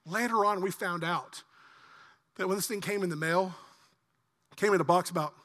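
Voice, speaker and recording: Pastor guy preaching, goes loud then drops real quiet, bright voice, church echo. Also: normal speed. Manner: animated, swings from loud emphasis to quiet low asides. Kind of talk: sermon.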